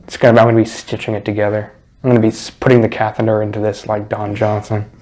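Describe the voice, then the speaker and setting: A man co-hosting a casual movie chat, playful and teasing, quick to joke. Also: lowish voice, monotone, a little mellow. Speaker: podcast co-host.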